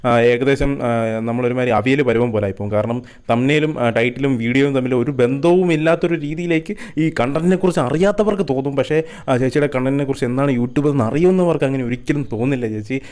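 A man's voice: medium pitch, fast talker, darkish tone. A man hosting a reaction video, giving teasing, mock-sympathetic troll commentary.

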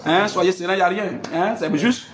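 A man's voice: high voice, a little fast, noisy background. A man hosts a live religious debate, asking rhetorical questions and repeating "hein". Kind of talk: live stream preaching to followers.

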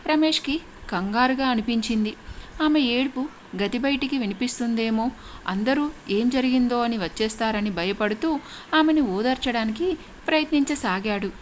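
A woman narrating a scripted story in a steady, expressive reading voice. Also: a little high, normal speed, a little hiss or hum.

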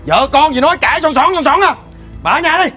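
A man playing an irritable father in a short film, talking harshly and fast, with faint music behind. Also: medium pitch, steady tone, darkish tone, lightly acted. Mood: angry. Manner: harsh, scolding. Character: irritable father in a failing marriage.

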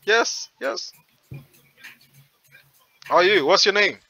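A man's voice: high-pitched, expressive, slow, vocal fry, sharp tone, muffled recording. A young man from Zimbabwe on a headset in a small room, teasing a stranger in casual video chat, stammering and swearing often.

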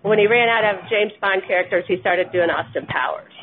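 A woman's voice: medium pitch, fairly quick, breathy edge. A woman bartender answering interview questions in a restaurant bar, brief and matter-of-fact. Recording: tinny phone-like sound, faint hiss.

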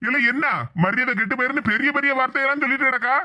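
A performer voicing a teasing cartoon father with a Tirunelveli Tamil accent. The voice is bright and sharp, recorded dry and close. He argues stubbornly and mocks the others. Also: high voice, steady tone, no echo. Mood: argumentative. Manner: mocking, sings in a drawn-out way, argumentative. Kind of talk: animated comedy sketch voice acting.

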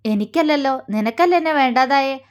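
A woman voicing a young husband who talks gravely and then teases and mocks. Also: high voice, brisk, close to an everyday voice. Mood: stern. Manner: grave, then teasing and mocking.

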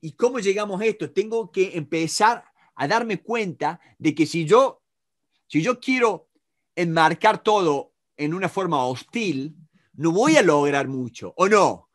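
A middle-aged man with an Argentine Spanish accent teaches negotiation in a live online class, lively and talking to students by name with frequent checks on whether they follow. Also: high-pitched, a little slow. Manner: animated, talks to students by name, many rhetorical checks. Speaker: negotiation instructor.

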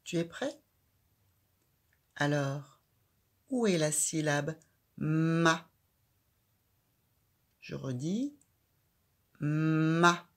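A woman teaching a child to read, speaking slowly and clearly and saying each syllable loudly. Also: low-pitched, big pitch swings. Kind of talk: children's reading lesson.

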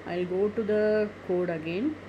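A woman narrating a screen-recorded software tutorial, methodical and step-by-step, with frequent "okay" and "uh" fillers. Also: mid-range voice, fairly even intonation, unhurried, dull audio. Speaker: tech tutorial presenter. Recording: noticeable background noise.

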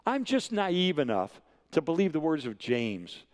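Man, 60s, sermon, higher-pitched, very animated delivery, emphatic repetition. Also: unhurried. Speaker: guest preacher.

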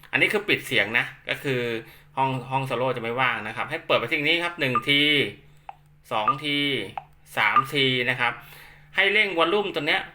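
A man's voice: medium pitch, expressive, a little fast, background noise. A man giving a casual hands-on tutorial, explaining step by step as an instructor. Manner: repetitive polite particles, hands-on explaining. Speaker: instructor demonstrating equipment.

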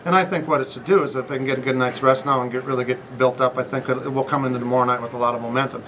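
A middle-aged man, a basketball head coach, answering post-game questions in a school hallway with halting, repeated words. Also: medium pitch, steady tone, dull audio, a little hiss or hum.

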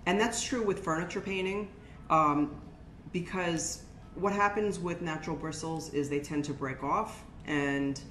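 A woman's voice: on the low side, measured pace, a bit bright, a little hiss or hum. An older woman running a casual hands-on craft demonstration, explaining steps plainly to viewers. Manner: chatty, practical, talks to viewers as "guys". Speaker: shop owner teaching a craft workshop. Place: indoor shop workspace with brick wall. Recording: roomy, faint music behind.

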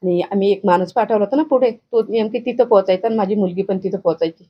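A woman's voice: mid-range voice, fast talker, highs cut off. Grieving middle-aged woman. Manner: grieving, urgent, recounting in detail. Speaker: bereaved grandmother interviewed. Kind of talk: news interview testimony.

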